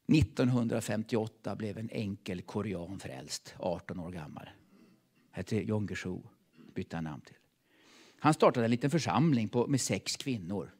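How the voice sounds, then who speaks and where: A man with a Swedish accent preaching a sermon in a church, emphatic and repeating words, dropping from loud calls to hushed tones. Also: lowish voice. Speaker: pastor. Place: church hall.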